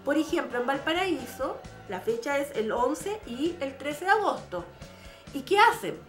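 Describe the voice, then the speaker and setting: High-voiced woman presenter. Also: measured pace, soft background music. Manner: lively, asks the others questions. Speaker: co-host. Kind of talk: casual TV panel chat.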